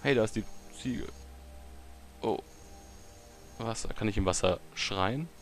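A man giving casual let's play commentary, muttering to himself with excitable outbursts. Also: on the low side, a little slow, slight background noise.

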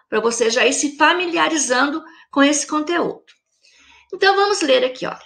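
A Brazilian woman teaching a video lesson to children, slowly sounding out words syllable by syllable in an affectionate teacherly tone. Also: high voice, gravelly, sharp tone. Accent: Brazilian Portuguese. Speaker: primary school teacher.

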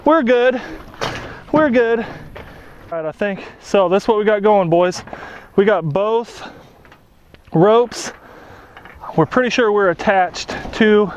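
A young man filming his magnet fishing outdoors on a lake dock, chatty and excitable, talking to his viewers. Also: high voice, slow, pauses often, muffled recording, a little hiss or hum. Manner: excitable, chatty, keeps addressing viewers as boys. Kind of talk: excited outdoor vlog commentary. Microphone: action camera worn on the body.

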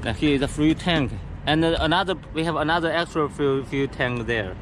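A man giving a product walkthrough of a go kart outdoors, speaking halting English with many fillers and restarts. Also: on the high side. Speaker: factory sales rep showing a go kart. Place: outdoors beside go karts on pavement. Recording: outdoor camera audio with background noise.

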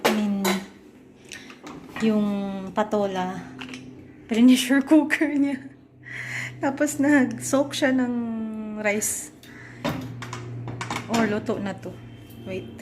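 A woman's voice: medium pitch, extremely slow, pauses often, very noisy. A woman in her thirties from the Philippines, chatting to her vlog audience as a mother at home, laughing often and slipping into English. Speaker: vlogger and mother. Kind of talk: casual chat to camera.

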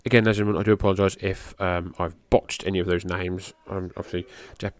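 Talking at a quick pace over a slight hiss or hum, a middle-aged podcast host gives loose, rambling play-by-play of a match. A native English speaker, he swears casually and gets excited, raising his voice at the big moments.

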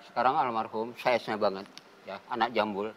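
An older man, a theater group founder and talk show guest, telling the story in a measured, earnest way and stopping to search for words. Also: lowish voice, steady tone, a bit bright, soft background music, low-quality recording.

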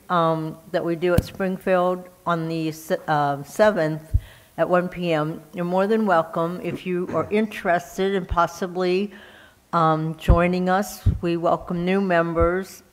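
A woman's voice: fairly low pitch, fairly even intonation, a little slow, rough recording. A woman giving church announcements to a congregation, hesitant and full of fillers as she speaks.

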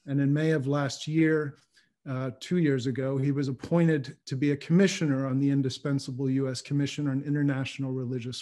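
A middle-aged man hosting a policy panel over a video call, making formal, measured introductions from his study. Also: medium pitch, a little mellow. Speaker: host and moderator. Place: home study with bookshelves.

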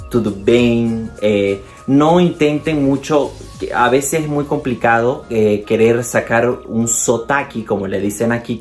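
A man from Bolivia with a Bolivian Spanish accent, chatting casually to the camera and encouraging his viewers. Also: medium pitch. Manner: chatty and encouraging, addresses viewers directly, often says "entonces". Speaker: video host giving language tips.

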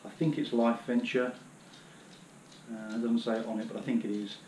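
A British man in his thirties talks casually through his hiking gear, rambling and filling pauses with ums and uhs. He kneels on the floor of his living room, picked up by a camera a few metres away. The room has a roomy echo, and clear background noise runs under his voice. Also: mid-range voice, fairly even intonation, dark tone. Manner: chatty, rambling, many fillers. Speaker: outdoor gear vlogger. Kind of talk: casual demonstration.

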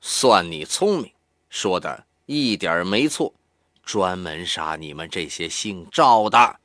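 A man reading an audiobook, voicing a boastful, bound older male captive who talks low and scornfully. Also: lively intonation, slow, a bit bright, no echo, studio quality, full character voice. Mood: smug.

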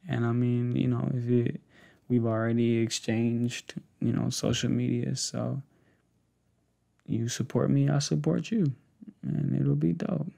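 With medium pitch, fairly even intonation and a mellow, fry-laden gravel, a young American man in his 20s or 30s delivers an ASMR roleplay as a soft conversational monologue. His talk is slow, hesitant and paused, aimed intimately at one listener; he sits close to a desktop condenser mic with a pop filter in a small indoor space hung with cloth.

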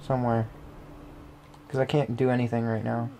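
A woman hosting a co-op let's-play, chatting casually, excitable and swearing at the game. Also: rumbling low, moderate pace, a crowd in the background. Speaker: co-op gaming host.

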